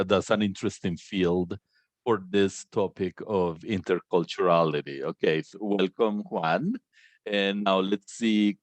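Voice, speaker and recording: Low-voiced man hosting a talk. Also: dry recording. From Colombia. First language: Spanish. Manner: friendly, filler-heavy, asks questions. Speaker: host of a language conversation session. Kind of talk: moderating a video-call discussion.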